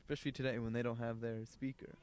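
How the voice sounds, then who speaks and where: A man's voice: mid-range voice, flat delivery, quick pace, a little mellow, slight background noise. A young man giving casual, jokey play-by-play for a school baseball game. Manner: chatty, jokey, breaks into playful singing. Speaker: student baseball commentator.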